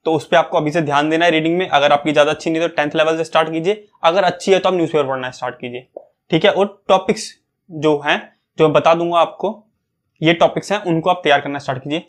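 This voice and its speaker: A man's voice: a little high, quick pace. A young man casually talking viewers through exam preparation, in a chatty way that keeps checking in with them. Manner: conversational, often checks in with "okay". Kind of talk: casual advice talk.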